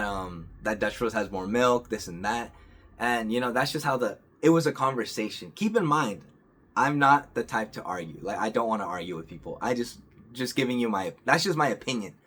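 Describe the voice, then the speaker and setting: A young man vlogging, telling a personal story in a calm, earnest, rambling way with many restarts and fillers. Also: on the low side, normal speed, husky. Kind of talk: casual storytelling to camera.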